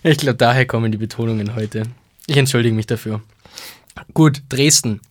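A man's voice: medium pitch, moderate pace, dry recording, clean studio sound. A man co-hosting a casual ice hockey podcast, laughing often and mimicking voices as he tells stories. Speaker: podcast co-host.

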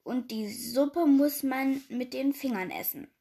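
A woman's voice: high-pitched, takes it slowly, gravelly, mellow, husky, exaggerated voice. A woman voicing an earnest little princess pondering aloud.

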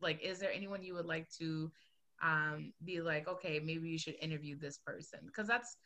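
A woman's voice: deep voice, moderate pace, sharp tone. A woman hosting a podcast, talking candidly and emotionally, laughing often as she speaks. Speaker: podcast host. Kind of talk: casual podcast conversation.

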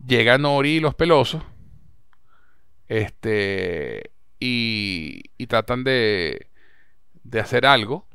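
A young man with a Venezuelan Spanish accent, chatting casually as a podcast host and recapping a series in an animated way. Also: mid-range voice, extremely slow, gravelly, pauses often, smooth, no echo, studio quality. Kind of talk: casual chat.

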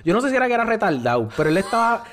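A man's voice: high voice, sing-song, very fast, a bit bright, a little hiss or hum. A man chatting about a film on a podcast, playful and joking, swearing and tossing in English words. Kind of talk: casual film review chat.

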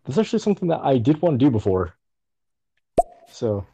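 A man in casual chat, laid-back and swearing freely in lively banter. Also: mid-range voice, a little fast, slightly rough. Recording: dull lo-fi mic.

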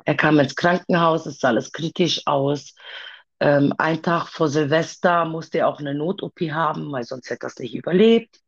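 Woman, husky gravelly voice, halting speech full of pauses, dull lo-fi recording. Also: low voice. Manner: halting, many pauses and fillers. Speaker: storyteller of own past. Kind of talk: personal conversation.

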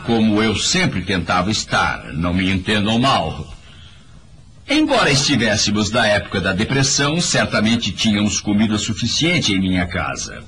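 A man delivers a motivational talk with a preachy, emphatic manner. His pitch swings wildly from low to high as he presses each point. He speaks straight to his listeners, with a faint hiss underneath. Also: sharp tone. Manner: emphatic, preachy, addresses the audience directly. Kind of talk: motivational speech in a voice-over.

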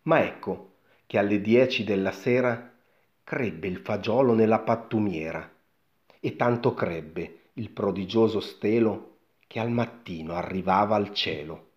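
A man's voice: fairly low pitch, a little slow. A man reading a rhyming story aloud with a theatrical, lingering delivery, on a dull lo-fi recording.

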